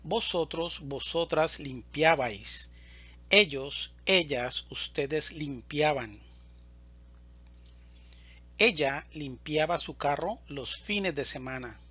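A man teaching Spanish, slowly and deliberately reciting verb conjugations in a drill. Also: on the high side, lively intonation, pushed and bright, breathy edge, dry recording, dull audio. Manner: deliberate, enunciates each word.

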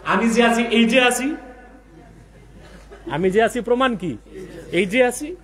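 A man preaching a sermon through loudspeakers, his voice carried by heavy hall echo in a large building. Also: slow pace. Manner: preaching fervently, chanting Arabic phrases. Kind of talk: religious sermon. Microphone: microphone through loudspeakers. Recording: booming echoey hall reverb, PA sound.

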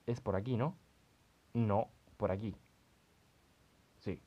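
Young spanish dude cursing through a pokemon run, excitable, muffled lo-fi mic. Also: male voice, lowish voice, extremely slow, husky. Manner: crude, swearing, excitable. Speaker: let's play host. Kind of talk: gaming commentary.

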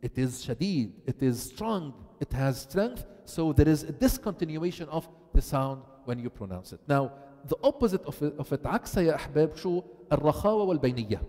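Teacher, male, mellow and slightly high voice, long hall reverb, quizzes the class as he explains. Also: very animated, unhurried. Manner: explains, then asks the class questions and answers them. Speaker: tajweed teacher. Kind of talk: classroom lesson, switching between English and Arabic.

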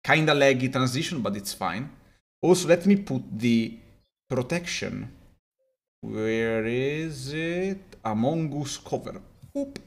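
A young Italian man with a mid-range voice and an Italian accent jokes and chats slowly and animatedly on a live stream from a small room at home, often tripping over his words. He's in webcam framing and wears headphones.

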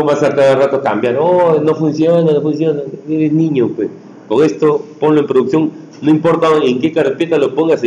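Dark-voiced man teaching a coding class. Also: medium pitch, lo-fi sound, a little hiss or hum. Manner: casual, peppers speech with tag questions. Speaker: programming instructor. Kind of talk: live coding lesson. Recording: roomy echoey room.

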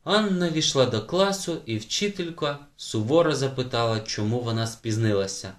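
A man narrating a children's audiobook with lively, varied emphasis. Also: mid-range voice, moderate pace. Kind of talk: scripted narration.

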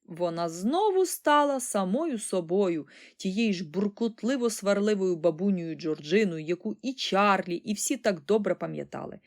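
Calm female audiobook narrator. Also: medium pitch, moderate pace, hardly any pauses. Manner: calm, expressive storytelling. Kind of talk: scripted narration.

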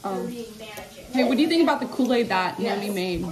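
A woman's voice: mid-range voice, animated, fairly quick, a crowd in the background. A teenage girl vlogging casually on a handheld phone, bubbly and giggly, talking to her viewers. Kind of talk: casual vlog chat. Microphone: handheld phone camera. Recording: noisy phone audio.

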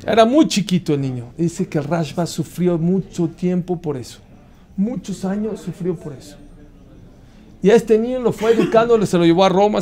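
A man with a slightly raised voice teaches a religious class. He tells the story in an animated way, stops to put questions to his listeners and scatters Hebrew terms through his Spanish. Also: high voice.

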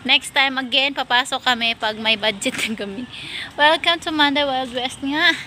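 A woman's voice: high-pitched, moderate pace, pushed and bright. A woman, casually vlogging to her phone camera as she teases a friend and tours the sights. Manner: chatty, teasing, mixes English in. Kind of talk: casual travel vlog. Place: busy indoor mall, then outdoor park. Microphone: phone camera at arm's length. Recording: noisy public space.

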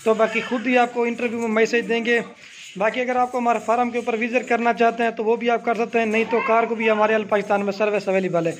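Chatty high-voiced Pakistani farm host. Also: male voice, little pitch movement. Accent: Punjab, Pakistan. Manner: chatty, repetitive, promotional. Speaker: goat farm owner and host. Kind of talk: casual sales video and interview. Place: goat farm. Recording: loud farm noise behind.

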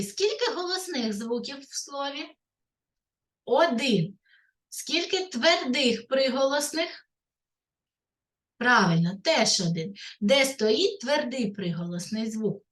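A woman kindergarten teacher from Ukraine leading a slow literacy lesson for small children, in a sing-song way. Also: fairly high pitch, animated, fairly bright tone. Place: kindergarten classroom. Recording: echoey room, voice from a distance.

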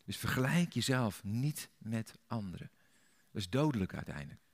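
A man with a Dutch accent preaching in a church, telling a story and rising to loud, emphatic peaks. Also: mid-range voice, sing-song, normal speed. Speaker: pastor. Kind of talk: sermon.

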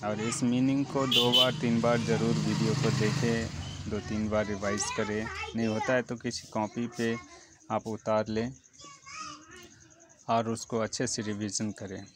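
A man's voice: lowish voice, flat delivery, measured pace. A man teaching vocabulary, spelling each word out letter by letter and repeating it, recorded on a handheld phone in a roadside shop. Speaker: YouTube teacher. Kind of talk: vocabulary lesson. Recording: noisy roadside with traffic. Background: passing motorbikes and a child shouting.

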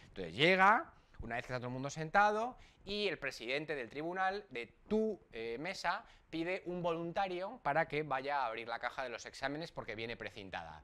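Lively Spanish tutor with a higher voice. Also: male voice, normal speed. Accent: Spain Spanish. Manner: lively, acts out quotes, casual swearing. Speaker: exam prep tutor. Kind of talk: humorous pep talk to students.

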